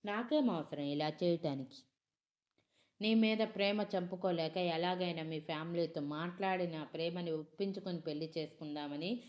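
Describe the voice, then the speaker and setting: A woman voicing a smug, scheming young man who answers calmly in a storybook. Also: fairly low pitch, lo-fi sound, natural voice. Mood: earnest. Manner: calm, smug replies.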